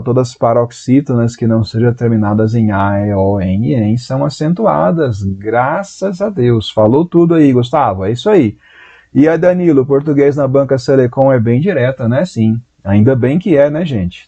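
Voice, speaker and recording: Lively Brazilian man teaching a live class. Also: mid-range voice. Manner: lively, chatty, answers chat messages by name; voices students' doubts in a raised voice. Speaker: Portuguese teacher for exam prep. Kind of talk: live online exam-prep class.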